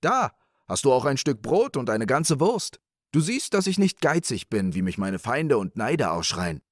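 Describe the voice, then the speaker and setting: A man's voice: medium pitch, big pitch swings, normal speed, no echo, studio quality, voice pushed up. A man voicing a greedy, blustering rich peasant in a spoken fairy tale. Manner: loud and blustering.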